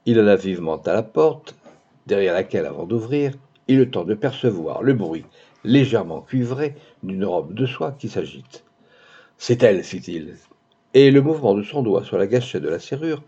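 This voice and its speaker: A man narrates a classic novel in a measured, expressive audiobook reading. His voice is low, dark and husky. The recording sounds dull and lo-fi.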